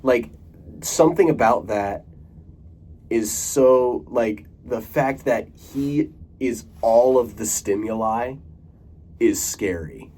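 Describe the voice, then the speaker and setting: A young male vlogger with a warm, mid-range voice talks slowly and casually to camera. His monologue rambles, full of fillers, restarts, and offhand swearing.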